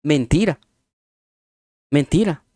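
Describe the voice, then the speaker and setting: A man preaching a sermon as pastor, emphatic and repetitive, slowing down to spell out word meanings and dropping folksy asides to the congregation. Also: on the high side, lively intonation, dark tone, dry recording, studio quality.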